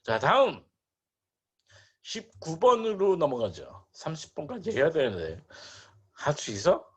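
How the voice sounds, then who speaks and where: A man giving an online real estate lecture, animated and asking rhetorical questions with playful asides. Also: a little high, measured pace, breathy edge.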